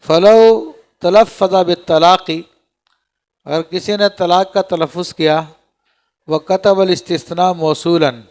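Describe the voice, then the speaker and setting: A man with a high, slightly mellow, clean-toned voice teaches a classroom lecture on an Islamic legal text. He reads Arabic passages aloud, explains each line, and often checks in with students by asking "theek hai?"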